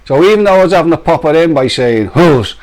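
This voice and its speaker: A man's voice: fairly high pitch, animated, fast talker, darkish tone. A man hosting a casual live stream, joking, teasing and laughing often.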